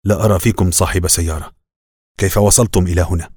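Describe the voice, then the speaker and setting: A man voicing a skeptical young nephew who questions others with quiet mockery in an audiobook. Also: deep voice, steady tone, fast talker, husky, dry recording, studio quality. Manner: questioning, mocking.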